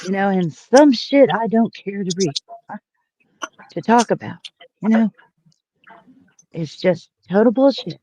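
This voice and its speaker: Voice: medium pitch, expressive, unhurried, long pauses, dark tone, no room sound. A person in their sixties calling into a casual panel, venting with frustration and a lot of swearing. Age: 60s. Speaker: panel caller. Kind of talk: casual chat. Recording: dry, muffled lo-fi line.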